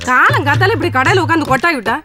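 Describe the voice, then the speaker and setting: A fussing shopkeeper's wife. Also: female voice, high-pitched, animated, rapid-fire, loud music behind the voice. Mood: scolding. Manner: scolding, fussing. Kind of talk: film comedy acting. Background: film score.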